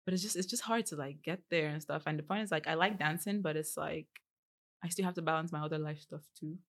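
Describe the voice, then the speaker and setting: A woman's voice: deep voice, fast talker. A young woman, a podcast guest, chatting casually with lots of fillers and frequent laughs. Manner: laughs often, many "like" fillers. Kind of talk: casual chat.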